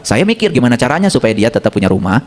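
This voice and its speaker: A middle-aged man with a mid-range voice preaches an informal sermon as a religious teacher, talking in rapid-fire bursts. He's animated, constantly firing questions at the congregation and acting out little dialogues, all in a hall with long reverb.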